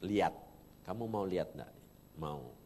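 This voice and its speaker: A man voicing God in a slow, hushed, low voice during a sermon. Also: lively intonation, vocal fry, big-room sound, a little hiss or hum. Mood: tender, calm. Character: God speaking gently, a calm low male voice.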